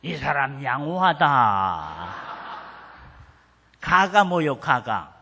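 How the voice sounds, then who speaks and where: Older male retired pastor, revival sermon, unhurried storyteller who acts out the dialogue, long church-hall reverb. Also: mid-range voice, a little hiss or hum. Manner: animated storytelling, acting out family dialogue.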